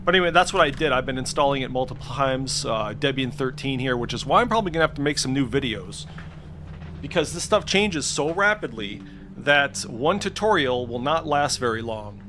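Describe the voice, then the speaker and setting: A man with a medium-pitched, sharp-toned voice talks briskly and animatedly with slight background noise. He's a tech video creator sitting indoors at a computer, giving an informal, unscripted screen-share walkthrough, thinking aloud hesitantly and swearing mildly now and then.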